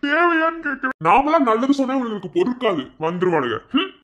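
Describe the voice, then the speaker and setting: A man's voice: very high-pitched, sing-song, fast talker, fairly bright tone, full character voice. A man voicing a cheeky young male college student in a cartoon, with a Madurai Tamil accent and joking banter. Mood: mocking. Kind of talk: cartoon voice acting.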